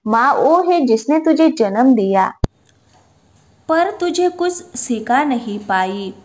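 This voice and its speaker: A woman's voice: high-pitched, animated, takes it slowly, slight background noise. A woman voicing an angry, stubborn elderly mother-in-law who scolds harshly in a spoken story. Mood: angry scolding.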